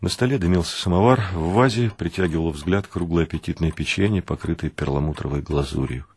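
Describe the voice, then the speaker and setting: Deep-voiced man reading an audiobook. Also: fast talker, darkish tone, husky, no echo. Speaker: audiobook reader. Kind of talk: scripted narration.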